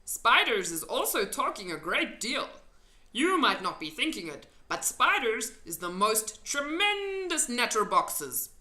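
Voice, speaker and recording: Playing a big friendly giant from a storybook, a woman sounds earnest, wonderstruck, and exaggerated, her bright, forceful voice swinging widely in pitch. She speaks slowly and emphatically in muddled, folksy grammar, and the room rings noticeably around her.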